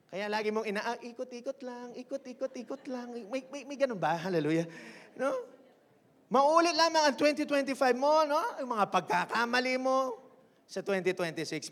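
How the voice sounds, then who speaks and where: Energetic high-voiced pastor in a reverberant church. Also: male voice, gravelly. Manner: energetic, mixes English into Tagalog, keeps asking the church to respond. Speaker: senior pastor. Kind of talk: sermon. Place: church sanctuary.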